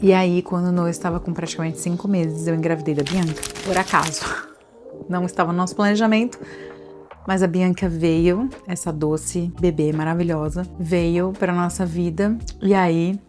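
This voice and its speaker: A woman in her thirties recounts a personal story as a vlogger. She is expressive and acts out the lines of the people in her story. Quiet music sits faintly in the background. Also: lowish voice, normal speed. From Brazil. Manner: animated storyteller who acts out quoted lines.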